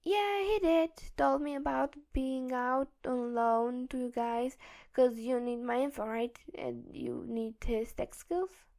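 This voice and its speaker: A woman's voice: high-pitched, slow pace, darkish tone. A woman voicing a cheeky, joking young man in a fan audiobook reading, with a mock-innocent delivery.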